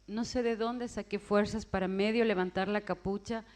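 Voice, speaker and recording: A woman's voice: mid-range voice, steady tone, moderate pace, darkish tone. A woman telling her personal testimony as a vivid story, acting out the voices of the people in it. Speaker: testimony speaker.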